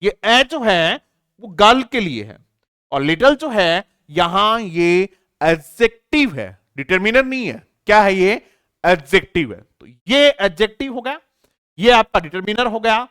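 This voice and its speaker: A man teaching an English grammar lesson for exam preparation, dictating example sentences slowly and often asking his students if they have understood. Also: sits high, very animated, sharp tone, smooth, no room sound, studio quality. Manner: slow, drawn-out dictation of example sentences, frequent rhetorical checks.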